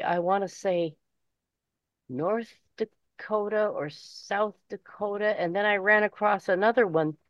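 A woman with a mid-range voice chats casually and conversationally, like a caller on a talk show. The phone audio is dull and slightly muffled, with no echo.

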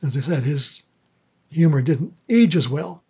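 A man with a husky, somewhat high, mellow voice hosts informal commentary. He talks in halting phrases, and the sound is slightly muffled. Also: lively intonation. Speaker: old-time radio program host. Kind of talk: informal commentary introducing vintage shows.

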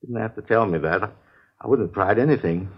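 In a 1950s radio drama, an American man plays a talkative, somewhat testy supermarket manager, recounting events in a folksy, naturalistic ramble. He talks fast in a lowish voice. The vintage radio recording sounds muffled.

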